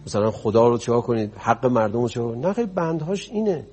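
A man's voice: mid-range voice, sing-song, a little mellow. A man preaching a sermon, telling stories in a conversational way that rises to impassioned emphasis. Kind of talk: storytelling sermon.

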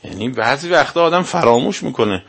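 Male cleric lecturing a congregation; medium pitch, combative, leans on rhetorical questions. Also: lively intonation, gravelly, fairly bright tone, slightly rough. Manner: argumentative, fires rhetorical questions. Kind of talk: religious lecture to a live audience.

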